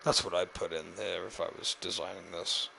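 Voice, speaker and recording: A man giving casual let's-play commentary, musing to himself in a relaxed way. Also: sits low, brisk, gravelly. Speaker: gameplay video host. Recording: voice over game music.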